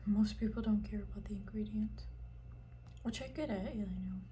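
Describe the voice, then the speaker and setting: A young woman, an ASMR content creator, whispers right up against the ear in a soft, dark-toned style. Her informal, rambling chat is breathy and intimate, at medium pitch and moderate pace. Light ambient noise sits behind her voice.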